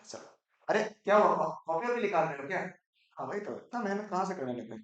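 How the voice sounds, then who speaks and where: A man's voice: sits high, sing-song, lo-fi sound. Male teacher, teasing, quizzing the class, roomy classroom echo. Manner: asks the class quick questions, mixes Hindi and English; playful, teasing students. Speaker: economics teacher. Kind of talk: classroom lecture. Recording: echoey classroom.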